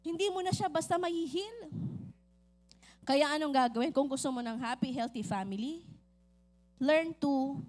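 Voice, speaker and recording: High-voiced woman pastor preaching. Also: moderate pace, pauses often. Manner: lively, joking, acts out voices in stories. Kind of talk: sermon.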